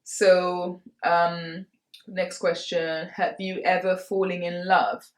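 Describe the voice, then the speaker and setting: A woman's voice: fairly low pitch, little pitch movement, slow. A woman in her late twenties from Nigeria, chatting casually through a Q&A for her vlog and laughing between answers. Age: 20s. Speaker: vlogger. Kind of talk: casual Q&A chat to camera. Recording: roomy echo.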